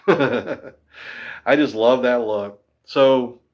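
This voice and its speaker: Speaking very slowly in a mid-range voice, a man in his fifties talks to camera about guitars in a chatty, meandering, self-deprecating way. He teaches guitar, and the recording has its highs cut off.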